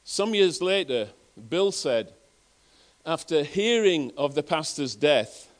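This sermon comes from a middle-aged pastor from England with a Northern English accent, his voice fairly high and animated, his delivery slow. Earnest personal stories fill it, with frequent circling back and restarted words.

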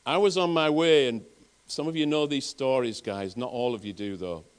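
A man's voice: mid-range voice, moderate pace, clear, resonant tone. A middle-aged man preaching to his congregation in a Northern English accent. He tells personal stories earnestly, circling back and restarting his words as he goes. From England. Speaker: pastor. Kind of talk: sermon.

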